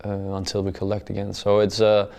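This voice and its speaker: Answering post-match interview questions, this young footballer speaks careful English in a low, creaky voice whose pitch barely moves, so the delivery sounds completely flat. He halts often, repeats words, and leans on frequent "uh" fillers. His measured, plain sentences fade quietly at the end.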